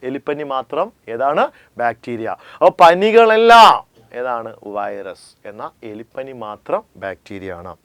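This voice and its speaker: Guy teaching exam prep, keeps asking then answering, smooth voice, dry close sound. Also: no room sound. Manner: repeats each point as a question and answers it; emphatic, rises and drops sharply in pitch and volume. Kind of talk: classroom lecture with call-and-response drilling.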